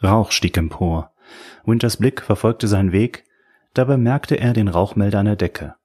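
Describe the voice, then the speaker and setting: Husky low guy reading an audiobook, dry wry tone, even measured delivery. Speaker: audiobook narrator. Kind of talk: scripted audiobook narration.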